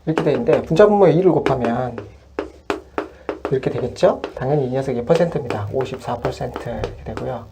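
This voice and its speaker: A woman's voice: very deep voice, animated, fast talker, background noise. A woman math tutor patiently walking through worked exercises step by step. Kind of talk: worked-example lesson.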